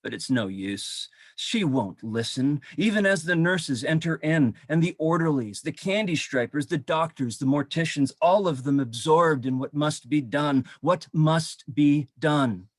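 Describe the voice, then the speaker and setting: A man's voice: a little high, no echo, studio quality. Man reading his own poems aloud. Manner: measured, dramatic reading with slow drawn-out phrases; relaxed, halting asides with frequent ums. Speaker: poet. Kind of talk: poetry reading. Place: home, virtual event. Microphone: video call.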